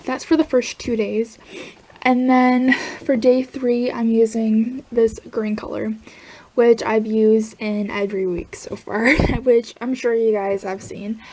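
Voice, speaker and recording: A woman chatting casually about her crochet project, rambling and laughing softly between thoughts. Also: fairly high pitch, fairly even intonation, slow. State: hiccups. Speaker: crochet vlogger. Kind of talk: casual chat.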